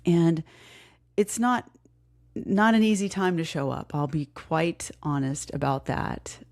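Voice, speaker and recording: Low-voiced grieving woman podcast host. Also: animated, slow, darkish tone. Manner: candid, emotional, many fillers and restarts. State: grieving, near tears. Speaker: podcast host and fitness coach. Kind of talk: casual heartfelt podcast talk.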